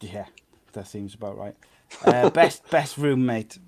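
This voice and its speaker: A man's voice: medium pitch, lively intonation, unhurried, darkish tone. A man hosting a football show informally, in an easygoing, chatty way. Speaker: host.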